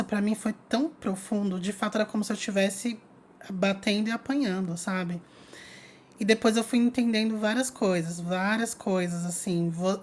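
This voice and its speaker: Young woman, spiritual creator, casual storytelling, talks straight to viewers, mid pitch. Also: a little hiss or hum. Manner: lively, chatty, addresses viewers as "gente". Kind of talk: casual storytelling to an online audience.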